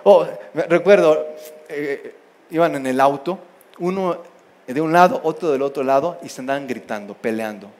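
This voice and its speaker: A male pastor preaching theatrically, at times dropping to a soft, near-whispered voice. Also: on the high side, moderate pace. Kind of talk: sermon.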